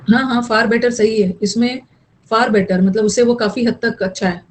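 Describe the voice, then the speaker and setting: Lady grammar teacher, youngish, kinda high voice, chatty and scolding. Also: fairly even intonation, normal speed, poor audio. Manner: chatty, scolding asides mixed with explanation. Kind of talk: online class lecture.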